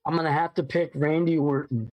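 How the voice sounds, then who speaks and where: A man with a fairly high voice chats casually as co-host of a watch-along. He talks with enthusiasm and stacks up examples in quick runs. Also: fairly even intonation, a little mellow, rough recording.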